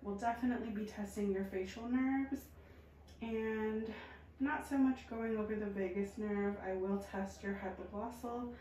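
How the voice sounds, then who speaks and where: A woman doing a soft-spoken ASMR role-play as a medical examiner, calm, reassuring and procedural. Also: mid-range voice, unhurried. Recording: roomy echo, faint background noise.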